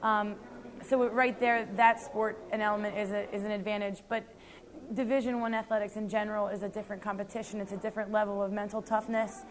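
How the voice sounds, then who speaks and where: A woman's voice: medium pitch, little pitch movement, quick pace. A young woman, a CrossFit athlete, giving earnest interview answers with frequent ums and restarts.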